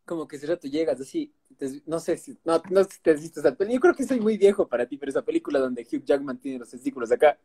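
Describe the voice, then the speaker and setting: A man's voice: on the high side, expressive, fast talker, few pauses, warm tone, husky. A man with an Ecuadorian accent, a comedian in casual chat, joking around with crude slang. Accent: Ecuadorian Spanish.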